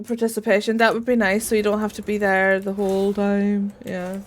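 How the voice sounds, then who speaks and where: A young woman streaming a game, chatting casually, swearing freely and squealing when excited. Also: mid-range voice, brisk, faint music behind. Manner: bubbly, swears freely, greets chat warmly. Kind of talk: casual gaming stream chat.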